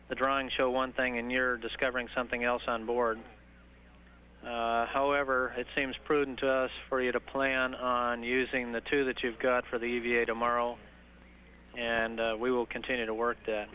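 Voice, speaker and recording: A man speaks as a mission control communicator over an archival radio link, muffled and faintly noisy. His mid-pitched voice delivers procedural messages in a measured, halting way. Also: pushed and bright. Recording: dull, noisy archival space-to-ground radio recording.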